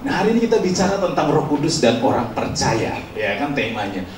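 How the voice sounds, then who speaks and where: A man's voice: mid-range voice, sing-song, brisk, a crowd in the background. A male pastor preaching a sermon in a church hall, telling a story in a colloquial way and often prompting "amin". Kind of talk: sermon with a told anecdote. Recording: echoey hall, mic from far off, faint noise.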